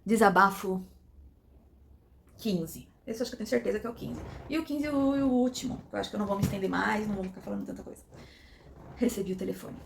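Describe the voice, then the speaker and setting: A woman's voice: medium pitch, fast, gravelly. A middle-aged woman, telling a personal story with emotion and acting out the dialogue. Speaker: vlogger.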